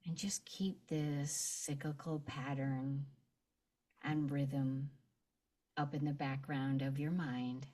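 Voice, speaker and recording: With a bass voice and flat delivery, a woman leads a guided meditation and visualization. She is gentle and unhurried, leaving long pauses.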